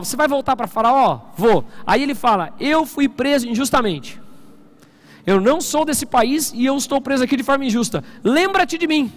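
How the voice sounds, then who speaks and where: A male pastor preaching an animated Sunday sermon, often asking the congregation questions. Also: extremely high pitch. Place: church service.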